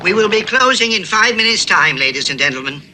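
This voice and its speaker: A man's voice: high-pitched, lively intonation, a little fast, pushed and bright, slight background noise, heavily acted, rough recording. An actor playing a male steward who makes a formal closing-time announcement to the passengers in a period film drama. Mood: announcing. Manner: formal public announcement to the room.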